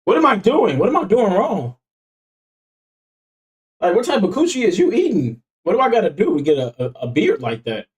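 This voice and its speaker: A man in his twenties reacts to videos on stream, chatting casually, joking in a slangy way and laughing often. His voice sits high with huge pitch swings, at a moderate pace broken by long pauses.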